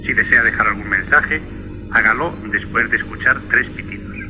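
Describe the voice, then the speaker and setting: An actor in a radio drama playing a recorded male company greeting heard as answering machine playback, with a flat, formal announcing manner. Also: mid-range voice, normal speed, soft background music.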